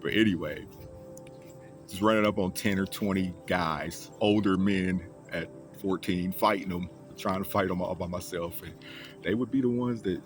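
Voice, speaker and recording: With his voice pitched low and his pace moderate, a young man vlogs about his life story, loose, profane, and full of false starts, while loud music plays underneath.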